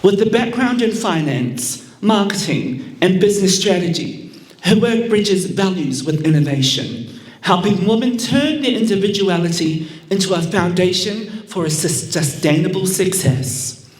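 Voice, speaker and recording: A man working as an event MC, reading formal scripted introductions in a measured way. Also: high voice, animated. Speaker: event MC introducing pageant judges. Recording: roomy, echoing venue sound.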